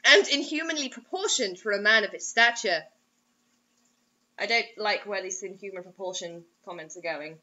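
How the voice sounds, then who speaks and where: A young adult woman with an animated, sharp, medium-pitched voice at normal speed reads bad fiction aloud in a theatrical, overwrought, mocking way, breaking off for asides. She's in a small indoor room, captured with dull lo-fi webcam sound.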